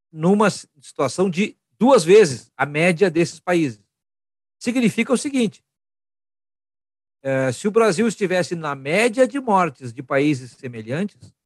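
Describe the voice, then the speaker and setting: A man's voice: on the high side, no room sound. A man in a casual podcast chat, arguing firmly and repeating his points for emphasis. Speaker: podcast co-host.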